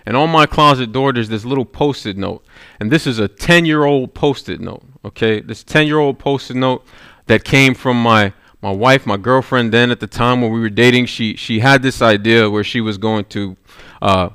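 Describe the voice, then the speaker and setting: A sermon comes from a man with a mid-range, smooth, fairly bright voice speaking at a moderate pace. Telling a personal story with mounting intensity, he keeps checking in with the congregation through repeated "right?", captured in a clean studio recording without room sound.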